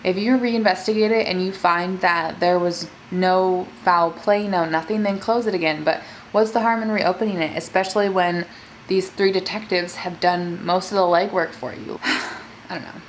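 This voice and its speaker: A woman's voice: fairly low pitch, fairly even intonation, moderate pace, slight background noise, poor audio. A woman talking casually as a mukbang host, telling a true-crime story in a chatty way peppered with filler words. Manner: conversational, filler-heavy with frequent "like".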